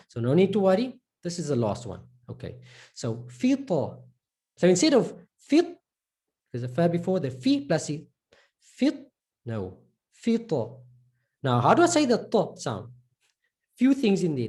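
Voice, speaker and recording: A woman's voice: sits low, warm tone. A woman teaching a live online pronunciation lesson, patiently drilling each sound by repeating it again and again. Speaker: Arabic teacher.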